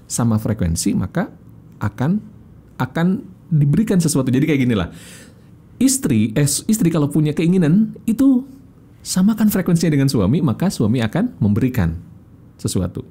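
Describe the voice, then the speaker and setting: A man as a podcast guest, a communication coach who explains in an animated way and acts out little examples. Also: a little high, normal speed, long pauses, slightly rough. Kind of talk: casual interview chat.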